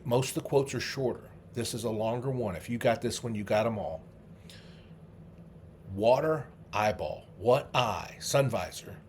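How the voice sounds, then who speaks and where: A middle-aged man, a memory trainer, leading a guided memory exercise, coaching the listener through vivid images with slow, drawn-out repetition. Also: medium pitch, a little hiss or hum. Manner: slow, drawn-out repetition with sudden loud "ta-da" bursts; vivid, coaxing visualization instructions.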